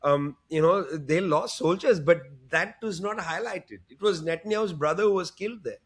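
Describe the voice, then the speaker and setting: A man's voice: a little high, normal speed, husky. A man speaking as a guest analyst in a political discussion, conversational and often saying "you know" as he restarts phrases.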